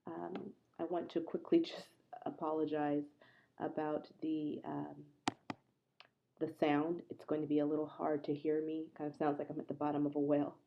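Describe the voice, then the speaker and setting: A woman lectures a class in a low, gravelly voice. It comes through a tinny laptop mic and sounds hollow and muffled, as if from the bottom of a well. She is conversational and earnest and keeps asking her students questions. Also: monotone, moderate pace. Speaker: instructor. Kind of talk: recorded online lecture. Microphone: laptop microphone.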